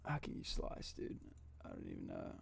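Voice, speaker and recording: A man's voice: rumbling low, wildly swooping pitch, normal speed, vocal fry, breathy edge. A man in his twenties from Australia, chatting casually and muttering to himself on a live stream while he codes. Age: 20s.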